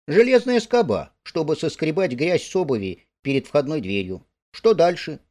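A plaintive, pedantic little male mole from a storybook, put on by a man reading aloud. He sits high and nasal-sounding above the narrator's voice and rises and falls a lot. He talks in an aggrieved, nitpicking way. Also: very animated, normal speed, darkish tone. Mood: fussy. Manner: whiny, pedantic complaining. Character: fussy plaintive male mole, slow-witted.

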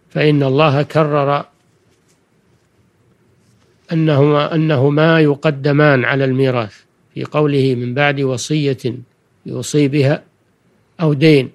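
An older man, a religious scholar, giving a Quranic lesson in formal Standard Arabic, deliberate and didactic, repeating key phrases. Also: fairly high pitch, a little mellow. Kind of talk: Quranic exegesis lecture for listeners.

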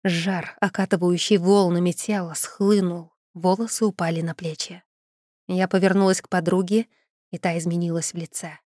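A woman reading a first-person fantasy audiobook with dramatic, expressive storytelling. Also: on the low side, moderate pace, dry recording, studio quality. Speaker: audiobook narrator.

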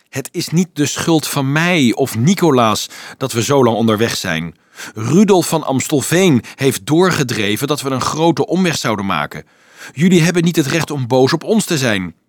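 A man voicing an agitated male crusade leader who insists and pleads loudly with a crowd of children, in a storybook reading. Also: mid-range voice, very animated, moderate pace, no echo, studio quality. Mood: heated.

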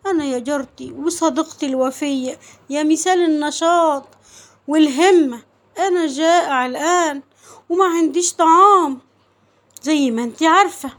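A high-pitched, hungry cockroach from a children's folk tale, played by a woman storyteller. He is a careless fellow with an Egyptian accent, pleading and flattering as he speaks. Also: normal speed, natural voice.

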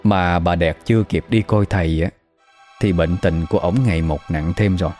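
A man with a Southern Vietnamese accent narrates a creepy village story as if passing on local gossip. His voice sits low and mellow. Soft music plays faintly underneath. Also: steady tone, moderate pace. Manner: conversational, gossipy retelling. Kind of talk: spooky folk story narration.

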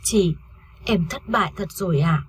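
A woman's voice: lowish voice, moderate pace, a little hiss or hum, natural voice. A woman reading a story aloud, voicing a grieving young wife who has lost her baby, in a tearful, pleading way. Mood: bitter.

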